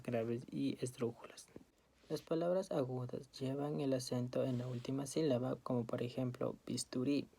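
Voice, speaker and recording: A woman reading study notes aloud as a student presenter, in a steady, list-like way. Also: a bass voice, vocal fry, slightly rough.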